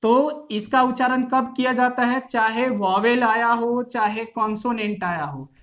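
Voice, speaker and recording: Slow, patient male English teacher. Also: extremely high pitch, a bit bright. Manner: patient, repeats each point and asks the class questions. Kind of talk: classroom-style pronunciation lesson.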